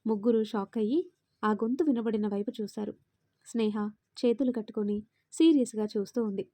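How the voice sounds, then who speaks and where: Woman narrating a story, mellow, dry. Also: a little high, brisk, dry recording. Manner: reads all characters' dialogue herself in a lightly acted way. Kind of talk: narrated audio story with character voices.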